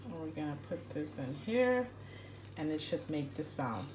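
A woman's voice: sits low, very animated, moderate pace. A Haitian woman cooking in her home kitchen, chatting casually to viewers and filming on a phone held in one hand. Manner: chatty, rambling asides to viewers. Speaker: cooking vlogger. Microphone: phone camera held in one hand. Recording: echoey kitchen, stove and pot noise.

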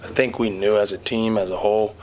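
A young man, a college basketball player, giving measured, steady answers at a postgame press conference, seated at a table mic. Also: fairly low pitch, a crowd in the background. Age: young adult. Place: press conference room in front of a backdrop.

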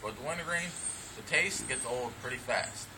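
A man's voice: mid-range voice, lively intonation, moderate pace. A young man doing a casual, unscripted vlog review outdoors, talking with his lip full of dipping tobacco. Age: young adult. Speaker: amateur product reviewer. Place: outdoors on front steps of a brick house. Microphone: camera several feet away. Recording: distant camera mic, clear background noise.

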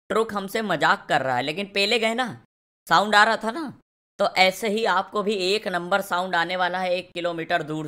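A man's voice: high-pitched, pushed and bright. A young man streaming a game and doing sponsored commentary, with crude, rowdy, teasing banter. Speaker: gaming streamer.

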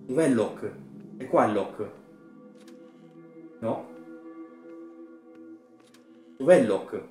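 A young man commenting on a horror game as he plays, muttering quietly to himself and yelling when something startles him. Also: medium pitch, lively intonation, drawn-out words, roomy sound, faint music behind. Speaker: gaming YouTuber.

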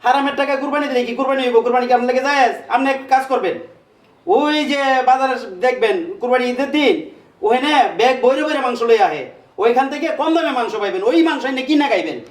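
A sneering male sidekick, acted by a man who mocks the debtors in a homemade village drama. His voice sits high and moves quickly. The room sounds echoey, and he is heard from some distance away. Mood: mocking. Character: mocking male enforcer for the moneylender.

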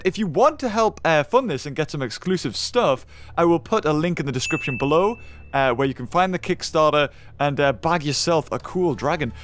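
A young man with a sore throat, casually commenting on a game he is playing and reacting aloud to what happens on screen. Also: fairly high pitch. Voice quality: rough, hoarse from a sore throat. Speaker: gaming video host.

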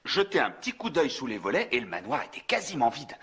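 A man's voice: medium pitch, wildly swooping pitch, fast talker, a bit bright, breathy edge, exaggerated voice. An actor dubbing a talkative, nervous small-town soda fountain clerk who stumbles and restarts as he tells a story in a classic film. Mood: eager. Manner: rambling, eager, stumbling restarts. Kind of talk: dubbed film acting.

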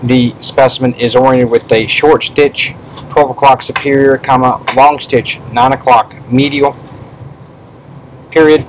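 Slow-paced man dictating a medical report. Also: mid-range voice, poor audio. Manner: measured dictation, speaking punctuation aloud. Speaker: pathology specimen prosector. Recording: steady background room noise.

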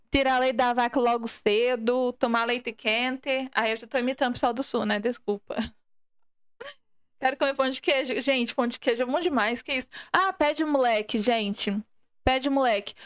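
A woman's voice: sits high, clean tone, no echo, clean studio sound. A young woman from Minas Gerais with a Minas Gerais accent, chatting casually with viewers as a game streamer and reading the chat aloud. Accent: Minas Gerais Portuguese. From Minas Gerais, Brazil. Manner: chatty, reads chat aloud, mixes in English words.

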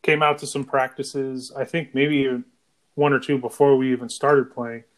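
A man co-hosts a band podcast with a middle-pitched voice. He talks in loose, rambling phrases. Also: flat delivery, moderate pace. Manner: loose, filler-heavy phrasing. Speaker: podcast co-host, band bassist. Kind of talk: casual podcast chat.

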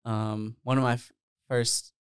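A man in his twenties from the Netherlands, appearing as a guest musician, talks in an unhurried, smooth, level voice of medium pitch. His casual interview chat meanders, full of fillers and self-deprecation. Captured on a handheld dynamic mic with headphones in a small room with bare walls, the sound is clean studio quality with no room sound.

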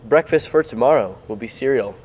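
A teenage boy reading school morning announcements, getting over a cold so his voice sits deeper, playful and jokey with sudden bursts of excitement. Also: brisk. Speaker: student announcer.

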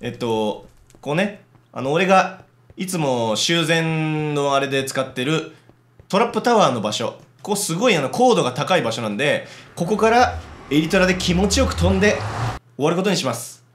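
A man giving casual let's-play commentary, chatty and excitable, talking to himself as he plays. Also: on the high side, moderate pace, a little hiss or hum. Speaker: game commentator. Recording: roomy echo with background music.

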